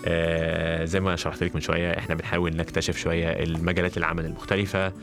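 A man's voice: deep voice, completely flat delivery, very fast, creaky, music in the background. An Egyptian-accented man hosting a podcast in a studio, speaking in a conversational way. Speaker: podcast host.

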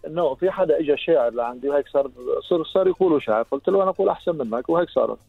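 A man's voice: on the high side, animated, rapid-fire, gravelly, slightly rough, no echo. A middle-aged man with a Levantine Arabic accent, a poet talking casually as a radio guest and reciting colloquial verse. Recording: muffled narrow-band phone line, music behind. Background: music.

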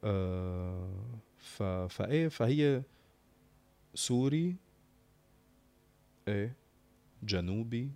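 A man's voice: fairly low pitch, animated, extremely slow, creaky, long pauses, a little mellow. A man from Syria with a Syrian Arabic accent, talking casually and reflectively as an interview guest, dropping in English words.

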